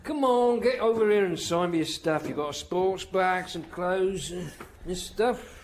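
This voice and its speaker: An actor playing a sarcastic, offhand prison officer in a radio drama. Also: male voice, high voice, measured pace, noisy background. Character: mocking male prison officer.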